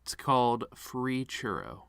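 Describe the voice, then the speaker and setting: A man hosting his own video, introducing a dramatic reading in a chatty, self-conscious way with halting restarts. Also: mid-range voice, big pitch swings, vocal fry, fairly bright tone, clean tone, no echo. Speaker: video host.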